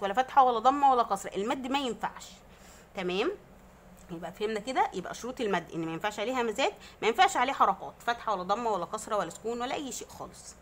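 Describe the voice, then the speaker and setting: There's slight background noise behind this mid-range female voice. She's a primary school teacher with an Egyptian Arabic accent, patiently teaching young children grammar, answering her own questions and drawing out vowels to demonstrate long sounds.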